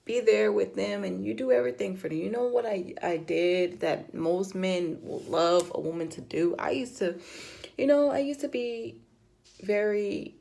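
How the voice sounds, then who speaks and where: A woman's voice: mid-range voice, moderate pace, vocal fry, warm tone. A middle-aged woman vlogging casually to her camera, rambling and heartfelt with many fillers. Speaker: vlogger, mom of four. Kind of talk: casual personal vlog, talking to camera.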